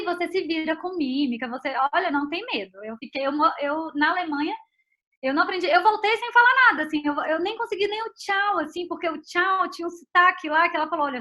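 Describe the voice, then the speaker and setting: Chatty high-voiced Brazilian woman scientist. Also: bright, forceful tone. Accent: Brazilian Portuguese. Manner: chatty, frequent "tá?" and "né?" tags. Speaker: invited scientist speaker. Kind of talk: casual online talk and Q&A. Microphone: video call. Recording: dull lo-fi video call audio.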